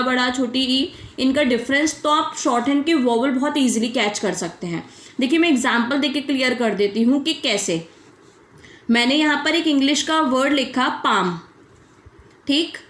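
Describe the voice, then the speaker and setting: High-voiced woman teaching in a roomy space. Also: fairly bright tone. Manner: explains step by step, asking and answering her own questions; mixes English terms into her explanations. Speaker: shorthand teacher. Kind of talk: online classroom lesson.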